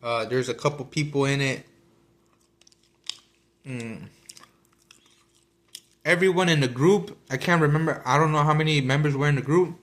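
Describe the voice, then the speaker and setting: A man's voice: fairly high pitch, moderate pace, long pauses, fairly bright tone. Guy rambling about a book, lots of ums and restarts, eating while he talks. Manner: rambling, with many fillers and restarts. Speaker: vlogger discussing a book. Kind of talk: casual chat.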